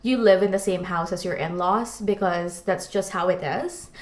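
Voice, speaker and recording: A woman's voice: on the low side, normal speed. Playful woman in an echoey room. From Philippines. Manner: playful and frank, laughs while talking. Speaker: content creator. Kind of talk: direct-to-camera vlog talk.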